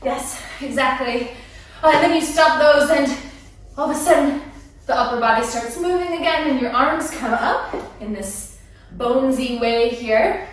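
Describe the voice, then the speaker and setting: A woman walks through a dance routine, counting beats aloud in a playful, high voice. She stands well away from the camera mic. The room around her rings with heavy echo. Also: normal speed, slight background noise. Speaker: dance instructor. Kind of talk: dance lesson walkthrough. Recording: echoey room, mic far off.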